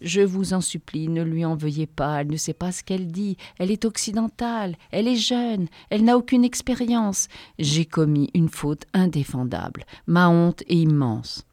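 A woman voicing a humble, ashamed male colleague who speaks softly and pleadingly. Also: lowish voice, lively intonation, moderate pace, no room sound, studio quality, lightly acted. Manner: soft, pleading, mortified.

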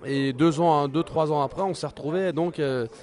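A man's voice: on the high side, steady tone, normal speed, a little mellow. Hesitant man recalling things outdoors. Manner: hesitant, many filler sounds. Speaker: percussion teacher. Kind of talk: documentary interview.

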